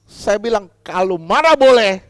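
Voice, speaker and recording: Preaching as a pastor, a man fires questions at his congregation, repeats his key lines, and swings from loud, emphatic declarations to quiet asides. His voice is high-pitched and animated, his pace moderate. The studio recording is clean, with no room sound.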